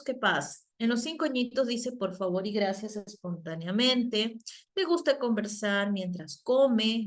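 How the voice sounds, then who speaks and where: A Peruvian psychologist giving a virtual class on a video call, often asking the class questions and using many fillers and tag questions. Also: female voice, mid-range voice. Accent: Peruvian Spanish. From Peru. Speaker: psychologist and teacher.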